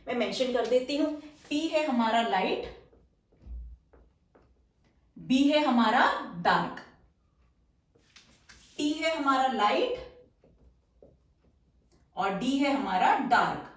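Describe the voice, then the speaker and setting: A woman teacher with a high voice walks through a shorthand lesson step by step. She repeats each sound slowly and keeps checking that the viewer is following. The recording is roomy and echoey. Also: recorded from a distance.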